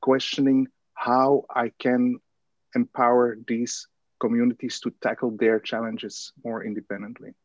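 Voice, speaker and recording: The interview guest, a man from Belgium, recalls his upbringing in a mid-range voice that barely moves in pitch, speaking a little slowly. Frequent fillers and restarts make him sound hesitant. There's no echo; the audio is dry, dull and lo-fi.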